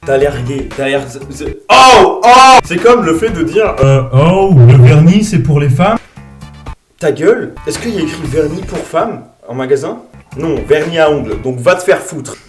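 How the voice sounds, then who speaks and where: A young man in his twenties answering viewer questions in a casual vlog, crude and self-mocking, breaking into mock-angry shouts. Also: fairly high pitch, animated, normal speed. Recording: roomy sound from a distant mic with music. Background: background music.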